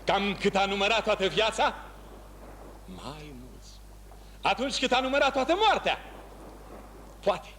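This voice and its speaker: A man's voice: sits high, lively intonation, fairly bright tone. An actor playing a lonely fisherman who talks to himself, musing aloud and breaking into long calls. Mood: brooding. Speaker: actor in a one-man stage play. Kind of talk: theatrical monologue. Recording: noisy ambient background.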